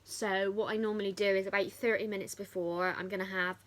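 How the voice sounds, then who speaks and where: A woman's voice: medium pitch, flat delivery, fairly quick. Chatty, rambling woman vlogger. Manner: rambling, tangent-prone. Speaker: fitness vlogger. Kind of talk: casual chat to camera.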